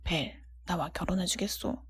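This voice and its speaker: Woman whispering as the Beast, breathy and sorrowful. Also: fairly low pitch, normal speed, a bit bright. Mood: pleading. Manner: sighing, formal, tender. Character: sorrowful, lovelorn, gentle male beast.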